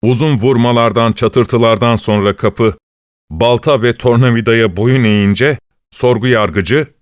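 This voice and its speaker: A man's voice: medium pitch, a little slow, clear, resonant tone, no echo. Man narrating a story, dry close voice. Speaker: audiobook narrator. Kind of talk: scripted narration.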